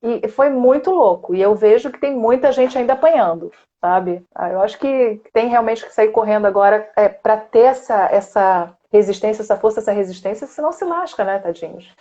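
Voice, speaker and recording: A woman speech therapist talking in a warm, chatty way and laughing often, as a guest on a live video call. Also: medium pitch, animated, a little fast, few pauses, muffled recording. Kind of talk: casual live chat. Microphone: computer or phone on a video call.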